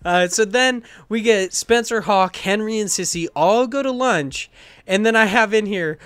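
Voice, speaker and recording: A man's voice: high voice, a little slow, fairly bright tone, clear, resonant tone, no room sound. A man co-hosting a podcast, recapping a movie in a sarcastic, profane, rambling way. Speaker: podcast co-host reviewing a movie. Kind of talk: casual chat.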